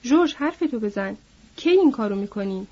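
A woman's voice: fairly high pitch, animated, mellow, breathy edge. A woman voicing a big, simple-minded, childlike man who pleads eagerly, reading aloud in a storybook. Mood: pleading. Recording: dull lo-fi recording.

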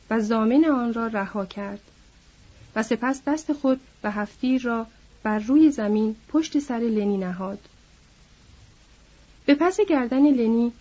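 A woman narrating an audiobook in a measured, somber reading voice. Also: a little high, mellow, breathy edge. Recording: dull lo-fi recording.

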